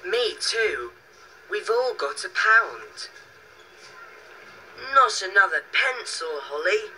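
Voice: medium pitch, big pitch swings, takes it slowly, sharp tone, a little hiss or hum, full character voice, low-quality recording. An actor voicing a friendly boy in a scripted children's language-course cartoon. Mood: pleased.

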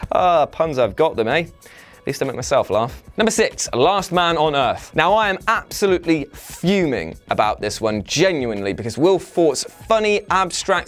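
Man in his thirties, lively swooping intonation, slightly mushy diction, wry punning countdown host, music underneath. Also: medium pitch. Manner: slightly mush-mouthed diction from a mouth ulcer. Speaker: host of an online list show. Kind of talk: scripted countdown commentary, chatty and jokey. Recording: music behind the voice. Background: background music.

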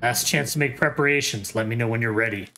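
A man's voice: medium pitch, fast talker, pitched below the performer's own voice, lightly acted. A man voicing a stern old headmaster from a fantasy game, reading dialogue like a formal announcement. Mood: stern, commanding. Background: game music.

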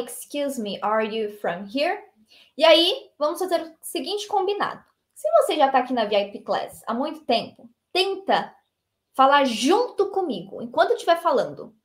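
High-voiced Brazilian woman teaching English. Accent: Brazilian Portuguese. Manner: lively and chatty, with a tag question after each point. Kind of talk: online English lesson.

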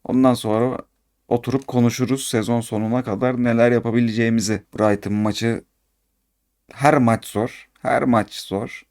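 A man commentates his football video game as he plays. He talks to himself, gets excited fast and scolds the players on screen. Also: medium pitch. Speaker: gaming YouTuber.

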